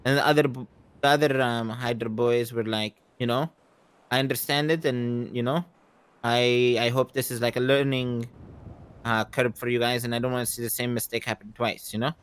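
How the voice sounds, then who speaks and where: A man in a casual roleplay conversation, speaking reflectively and haltingly, often saying "you know". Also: mid-range voice, fairly even intonation, clean tone. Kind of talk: in-character gaming roleplay conversation.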